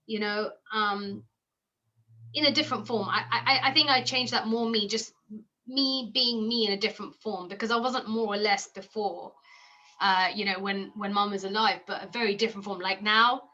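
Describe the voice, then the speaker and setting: Woman, interview guest, bright tone, reflective, halting with fillers, slightly dull recording. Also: fairly high pitch. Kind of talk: personal conversational interview.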